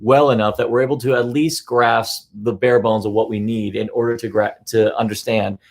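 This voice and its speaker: Male co-host, gravelly, rambling film talk with frequent restarts. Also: medium pitch, normal speed. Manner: rambling, restarts sentences, animated. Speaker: podcast co-host. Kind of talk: casual film discussion.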